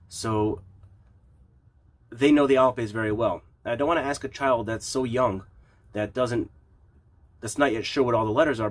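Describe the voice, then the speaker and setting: A man teaching like a rabbi in an informal, explanatory lesson, with a questioning manner of posing questions and answering them. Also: mid-range voice. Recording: clear background noise.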